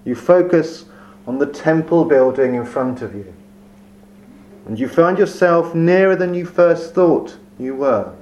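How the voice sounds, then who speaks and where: A man leading a guided meditation in a slow, soft, soothing voice with long pauses. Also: mid-range voice. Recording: dull lo-fi recording with faint hum.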